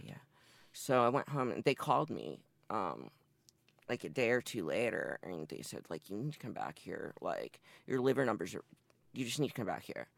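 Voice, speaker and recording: A man in his twenties from northeastern Massachusetts tells his life story candidly in an oral history interview, in a matter-of-fact way. His voice is medium-pitched, gravelly and a bit bright, and there's no echo.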